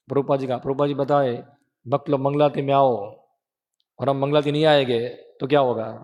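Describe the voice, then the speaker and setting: A man's voice: medium pitch, darkish tone. Man preaching in an echoing hall. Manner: conversational, asks the audience questions and answers them. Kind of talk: sermon.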